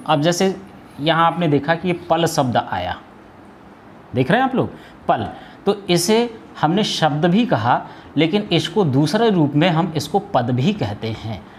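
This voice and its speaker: Hindi teacher explaining with self-posed questions. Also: male voice, a little high, very animated, takes it slowly, slight background noise. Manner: explains step by step, asks and answers his own questions; frequent hesitations and restarts. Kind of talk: classroom lesson.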